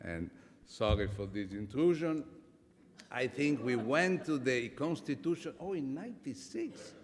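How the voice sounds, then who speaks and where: An Italian-accented man in his seventies addresses a conference from the podium, his voice at an ordinary middle pitch. He talks animatedly, dropping humorous asides and often stopping to restart a phrase. A long reverb from the large hall trails after his words. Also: lively intonation, measured pace, slight background noise. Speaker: conference speaker. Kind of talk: conference talk.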